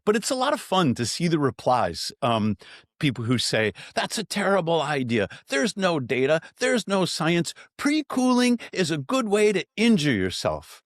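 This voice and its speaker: A man's voice: on the high side, moderate pace, dry recording, clean studio sound. A man who founded an ice bath company, telling stories in a podcast interview and acting out the voices of the people he quotes. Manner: animated storyteller, acts out quoted voices.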